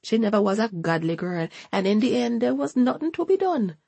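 Woman putting on an elderly lady, high quavery voice, fussing, devout, breathy, dry. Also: big pitch swings, fairly quick, dark tone, no echo, heavily acted. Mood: mournful. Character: fretful elderly Jamaican woman, pious and tearful.

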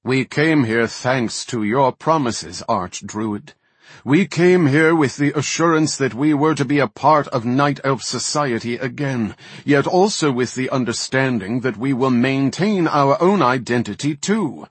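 A man voicing a proud male elf sorcerer who talks in an insistent, indignant way, with a husky voice. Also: lowish voice, expressive, unhurried, dry recording.

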